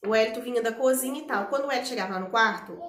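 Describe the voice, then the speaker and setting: A woman with a Minas Gerais accent, telling a family story to camera in a chatty, animated way with many fillers. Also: a little high, very fast, roomy sound, slight background noise. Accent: Minas Gerais Portuguese. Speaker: vlogger and mother.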